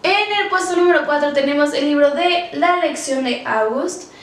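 High-voiced woman chatting about books in an echoey room. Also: moderate pace. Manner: chatty and emotional, many fillers. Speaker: book vlogger. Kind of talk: casual book review vlog. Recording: roomy, distant from the mic.

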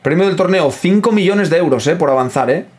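Excitable gaming streamer, swearing. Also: male voice, sits high, brisk. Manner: excitable, swears a lot, talks to chat. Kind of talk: live gameplay commentary.

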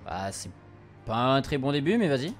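Here a young adult streamer, mid-range and very animated, speaks at a moderate pace as he translates game dialogue and voices it in a slangy, easygoing way. It's a casual let's play with the game's music running underneath.

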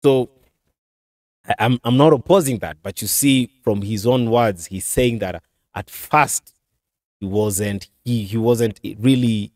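This man, a thirty-something commentary host, has a mid-range, slightly mellow voice and takes his time, filling his casual talk with fillers and restarts. He's on a stand-mounted desk mic in a small studio backed by a curtain, and the recording has no room sound.

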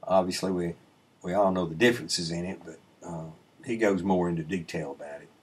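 Seated at his desk indoors, far from the sawmill, a middle-aged channel host narrates his sawmill footage on a webcam, relaxed and rambling with lots of ums and uhs. His voice is low, darkish and slightly rough, with fairly even intonation and a slightly quick pace.

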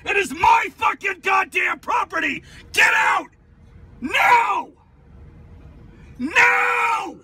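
A man's voice: extremely high pitch, animated, very slow, pauses often, sharp tone, shouting. A middle-aged man, a driver, screaming and swearing in a berserk rage during a heated argument inside a car. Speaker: driver of a ride service. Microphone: passenger's phone from the back seat.

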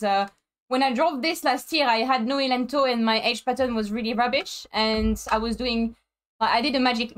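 Woman, high voice, chatty and excitable, casual racing stream talk. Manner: chatty, excitable, frequent laughs and restarts. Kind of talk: casual live-stream chat while racing.

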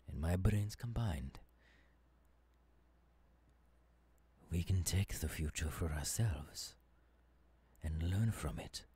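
A man playing an earnest visionary professor mentoring an apprentice in an ASMR roleplay, halting and breathy, close to the microphone. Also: low voice, darkish tone, no room sound, exaggerated voice. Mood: earnest, determined. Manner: slow, deliberate, halting phrases dropping into whispers. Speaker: voice actor. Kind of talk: ASMR audio roleplay, intimate second-person monologue. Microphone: close microphone, dry.

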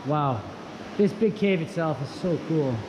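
A man's voice: on the high side, expressive, a little slow. A young man giving casual, awed handheld vlog commentary, exclaiming as he goes, with his voice echoing in a cave. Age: young adult. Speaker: vlogger. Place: inside a rock cave with running water. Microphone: handheld camera. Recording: muffled cave echo, loud water noise.

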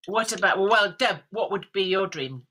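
A woman actress chatting on a video call, animated and enthusiastic. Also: mid-range voice, moderate pace. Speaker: actress and Amnesty ambassador. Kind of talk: casual chat on a video call.

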